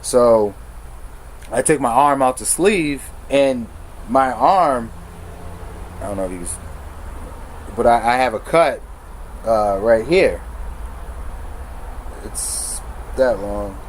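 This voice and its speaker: A man's voice: medium pitch, slow pace, pauses often, a little hiss or hum. A man telling his personal story in a frank, conversational way, using slang and correcting himself as he goes. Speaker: storyteller sharing his recovery testimony.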